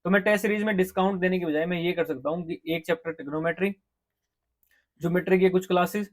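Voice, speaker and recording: A fast, rapid-fire man, speaking as a coaching teacher. His voice sits a little high for a man. He gives blunt exam advice and keeps checking that his students are following. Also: steady tone. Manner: direct, repeats "ठीक है?" to check in. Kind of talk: casual advice lecture to students.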